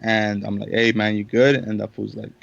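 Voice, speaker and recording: A man's voice: on the low side, flat delivery, normal speed, gravelly, no room sound, dull audio. A young man, a podcast co-host, telling a story in casual, profane slang and acting out the quotes. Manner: slangy, swears a lot, acts out quotes.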